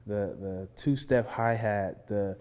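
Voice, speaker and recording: A man hosting an interview, relaxed and conversational, with lots of "you know" fillers. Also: lowish voice, slow, in a large hall, a little hiss or hum. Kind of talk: casual interview.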